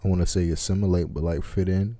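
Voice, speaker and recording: A man's voice: low voice, steady tone, quick pace, dark tone, dry recording. A man with a slightly Southern Maryland accent, chatting informally and often searching for his words. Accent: Maryland, slightly Southern American. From Maryland, United States. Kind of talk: casual conversation.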